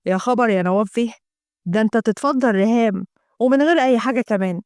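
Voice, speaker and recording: A woman's voice: fairly high pitch, fast, a little mellow, no room sound, studio quality, voice pushed down, natural voice. A woman voicing a scheming young businessman with an Egyptian accent, talking in pushy, condescending sweet talk. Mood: smug. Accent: Egyptian Arabic.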